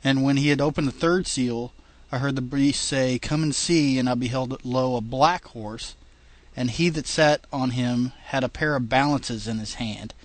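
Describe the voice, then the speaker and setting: A man's voice: medium pitch, moderate pace, no room sound. Casting note: male podcast co-host, mid-range voice, reads old scripture aloud and stumbles over the wording, dry close mic. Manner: reads long passages with stumbles and laughs at the wording. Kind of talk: casual chat, reading scripture aloud.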